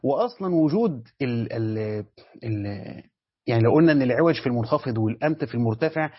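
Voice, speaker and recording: Speaking fast in a husky, medium-pitched voice with lively intonation, an Egyptian-accented sheikh walks students through Quran commentary step by step, often checking they keep up. The classroom lecture recording is dull and lo-fi.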